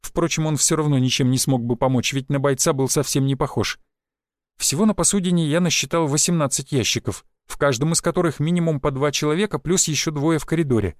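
A man's voice: on the high side, no echo, studio quality. Man narrating an audiobook. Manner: lively, puts on voices for characters. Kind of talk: first-person audiobook narration.

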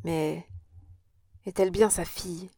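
A woman's voice: lowish voice, steady tone, unhurried, dark tone, husky, dry recording, clean studio sound. A woman reading an audiobook and voicing an impassioned young Parisian woman with an earnest, dramatic manner.

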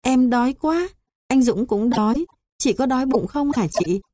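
A woman's voice: sits high, lively intonation, normal speed, pitched above the performer's own voice. A woman voicing a small hungry boy who pleads and asks after his mother, in a noisy recording. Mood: pleading. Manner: whimpering, pleading questions.

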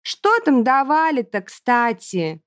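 A woman's voice: fairly high pitch, very animated, takes it slowly, clear, resonant tone, no room sound, studio quality, voice pushed up. A woman reading an audiobook, voicing a grumpy, sarcastic student girl who scoffs and grumbles. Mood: grumbling.

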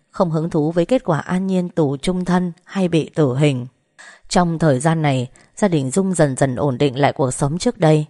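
Woman narrator, steady scripted storytelling, dark low voice, dry close sound. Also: no room sound.

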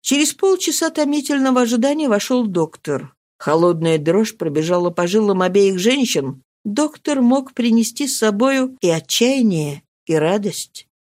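A woman reading a novel aloud as narrator, in a steady, expressive storytelling manner. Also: mid-range voice, moderate pace, few pauses. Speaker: audiobook reader. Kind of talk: scripted narration.

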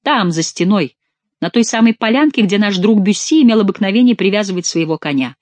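A rattled young nobleman in a storybook reading, as the narrator puts him on, answering with dry irony. The voice sits at a middle pitch. It is recorded close and dry, with no room sound. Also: lively intonation, brisk, darkish tone, no room sound, natural voice. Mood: defiant. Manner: ironic, dryly joking. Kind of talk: audiobook reading.

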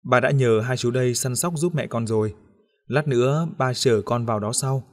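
A man's voice: medium pitch, normal speed, a little mellow, natural voice. A man voicing a manipulative middle-aged father in an audiobook, speaking in a sweet, coaxing way that hides menace. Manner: coaxing and wheedling, turning to harsh threats.

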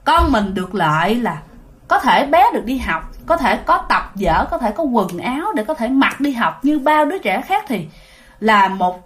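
A woman with a Southern Vietnamese accent narrates a ghost story in a chatty, spoken way, often turning to address her listeners. Her voice is high and full of lively pitch swings. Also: moderate pace. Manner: animated, addresses listeners directly.

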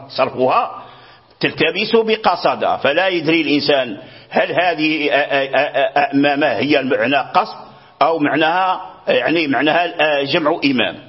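Guy explaining recitation rules, slightly high voice, repeats himself a lot, muffled old recording. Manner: repeats words, frequent restarts and checks for understanding. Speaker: Quran recitation teacher. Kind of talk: explaining a lesson to a student.

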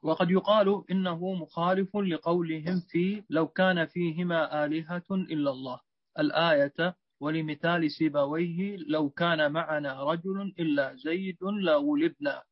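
A man's voice: a little high, steady tone, normal speed, no echo. Male student reading a grammar text. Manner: polite, brief replies. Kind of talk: reading aloud and answering in class. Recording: dull lo-fi dry recording.

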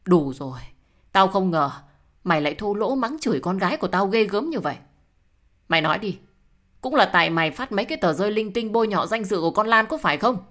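A woman voicing a stern, weary old father who scolds gruffly in a storybook reading. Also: mid-range voice, lively intonation, fast talker, fairly bright tone. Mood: angry.

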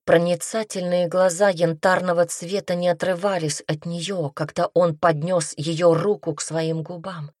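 A woman narrating a fantasy romance audiobook with an even, measured reading. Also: lowish voice, no room sound, studio quality. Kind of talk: scripted narration.

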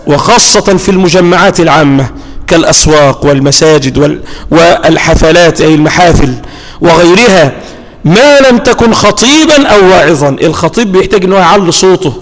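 Egyptian male preacher, high voice, drawn-out scripture recitation, hall reverb. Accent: Egyptian Arabic. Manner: asks the audience rhetorical questions and answers them himself. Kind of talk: Egyptian colloquial sermon.

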